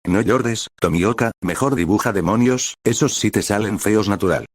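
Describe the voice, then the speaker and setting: A man reading a rough, taunting swordsman. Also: fairly low pitch, normal speed, close to an everyday voice. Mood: mocking. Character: rough, mocking male swordsman.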